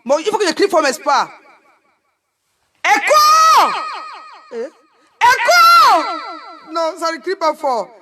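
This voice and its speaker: A woman doing joking live-stream banter on a phone, loud and laughing, often breaking into shouts. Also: high voice, animated, brisk, few pauses, very noisy.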